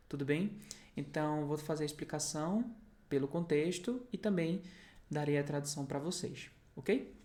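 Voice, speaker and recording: A woman's voice: fairly low pitch, darkish tone. A woman with a Brazilian Portuguese accent teaching an online English lesson, explaining patiently and often checking that the learner is following.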